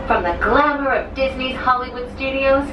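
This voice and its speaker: A woman's recorded voice giving a polished, welcoming scripted tour announcement, played over a loudspeaker inside a moving gondola cabin. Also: moderate pace, far from the mic. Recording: muffled, echoey speaker heard from across a cabin, loud vehicle noise. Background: rumbling vehicle noise.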